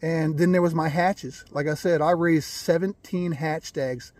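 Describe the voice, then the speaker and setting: A man's voice: fairly high pitch, steady tone, a little slow, a little mellow, dry recording. Folksy man telling a yard story. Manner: rambling, folksy, clears throat often. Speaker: gamefowl breeder. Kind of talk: casual storytelling.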